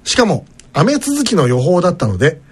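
A man hosting a casual radio show, reading a letter aloud with animated asides. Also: a little high, moderate pace, husky.

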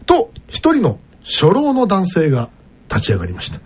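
Husky lively man reading on radio. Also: sits high, normal speed. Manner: animated reading with asides and laughs. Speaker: radio host reading a listener letter. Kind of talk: casual radio chat.

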